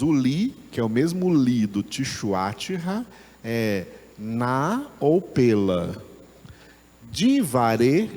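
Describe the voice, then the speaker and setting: A man with a Brazilian Portuguese accent teaching a Bible lesson, slow and deliberate, repeating words as he explains them. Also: medium pitch, a little mellow, in a large hall.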